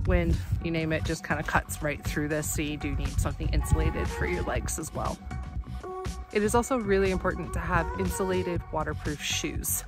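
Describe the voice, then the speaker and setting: Young woman, slightly low voice, easygoing practical explainer outdoors, music bed. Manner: friendly, practical, conversational advice. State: a little out of breath from hiking. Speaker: outdoor vlogger. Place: outdoors on a snowy trail. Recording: music playing underneath.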